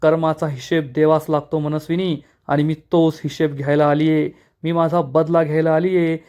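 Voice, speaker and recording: A man's voice: a little high, little pitch movement, darkish tone, smooth, lightly acted. Vengeful accusing woman ghost, as a man puts her on. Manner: slow, accusing, threatening. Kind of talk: retelling a serial scene.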